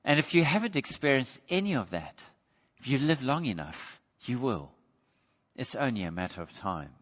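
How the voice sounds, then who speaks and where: A man preaching a sermon, earnest, moving between quiet pleading and raised emphasis. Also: mid-range voice, sing-song, normal speed. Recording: dull lo-fi sound with long hall reverb.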